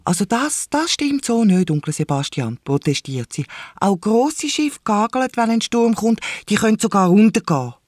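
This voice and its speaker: A man's voice: sits high, moderate pace, no room sound, studio quality, voice pushed up. A man with a Swiss German accent voicing eager, pleading little nieces in a children's radio play. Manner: pleading, excited.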